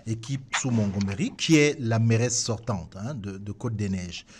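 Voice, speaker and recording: Male interviewer, lowish voice, searching for words. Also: moderate pace, background noise. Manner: searching phrasing with fillers. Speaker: interview host. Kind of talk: interview questions.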